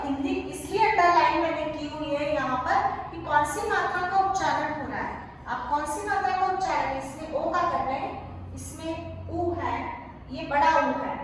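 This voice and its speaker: High-voiced woman teacher, echoey and distant. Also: a bit bright. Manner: spells words letter by letter and repeats them slowly. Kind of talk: phonics lesson explaining English spelling. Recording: echoey room, far from mic, faint noise.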